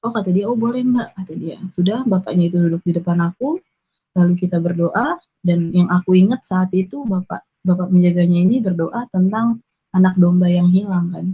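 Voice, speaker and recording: Young woman sharing her conversion story, husky voice, kinda muffled lo-fi audio. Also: lowish voice, brisk. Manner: earnest, emotional retelling with quoted dialogue. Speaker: convert giving testimony. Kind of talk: personal testimony, casual storytelling. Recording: dull lo-fi recording.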